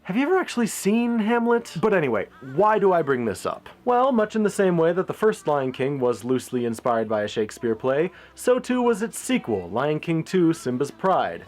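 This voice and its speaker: A man's voice: high voice, sing-song, fairly quick, hardly any pauses, a little mellow. A man narrating a comedic film review with a wry, sarcastic delivery. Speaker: video reviewer.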